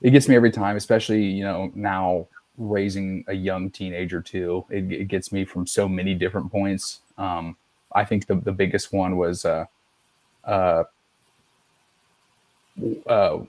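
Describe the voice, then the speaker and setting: In a casual podcast chat, the middle-aged host rambles freely and curses liberally. He speaks with a low, flat delivery, a little slowly, in a darkish tone, with no room sound.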